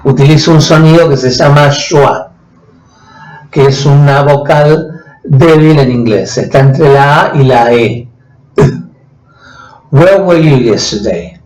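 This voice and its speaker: Male language teacher, native Spanish speaker, unhurried and patient, in an echoey room. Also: medium pitch, steady tone, darkish tone. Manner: slow, patient explaining, switching between two languages. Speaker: English teacher. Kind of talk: spoken grammar lesson.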